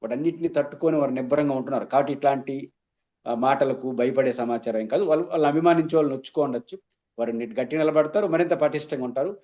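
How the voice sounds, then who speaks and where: Fast-talking emphatic male political analyst. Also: medium pitch, mellow, dull audio. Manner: emphatic, argumentative. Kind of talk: studio interview commentary.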